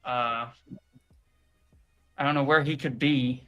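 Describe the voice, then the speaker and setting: A man's voice: mid-range voice, steady tone, slow, lo-fi sound, crowd noise, close to an everyday voice. A man playing a jokey, weary young male superhero in character, out of breath and rambling over a video call. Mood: joking.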